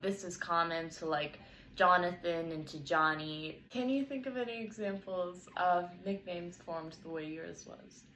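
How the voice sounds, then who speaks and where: Low-voiced young woman reading interview questions. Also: measured pace, fairly bright tone, a little hiss or hum, poor audio. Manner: careful, explanatory, reads from notes. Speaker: student interviewer.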